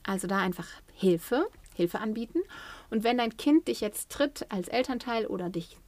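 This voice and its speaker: A woman giving parenting advice in a lively way, acting out what parents and children say. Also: fairly high pitch, moderate pace, no room sound. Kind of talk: advice talk.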